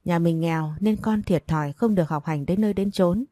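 A woman's voice: lowish voice, fairly quick, dark tone, no echo, natural voice. A woman voicing a worried, stern but loving mother who presses her daughter with urgent questions. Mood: worried, pressing.

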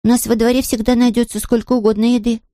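A woman reading aloud and voicing a tiny, fluffy yellow chick girl who is curious and chatty, with a squeaky voice and a stream of eager questions. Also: flat delivery, fast, no room sound, clean studio sound, lightly acted. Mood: friendly.

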